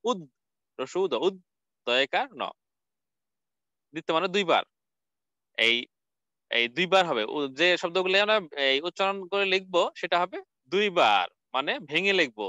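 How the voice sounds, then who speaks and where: A man's voice: high-pitched, animated, normal speed, pauses often, bright, forceful tone, no echo. A man teaching a recorded college lecture, spelling out words letter by letter and asking and answering his own questions. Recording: dull lo-fi dry recording.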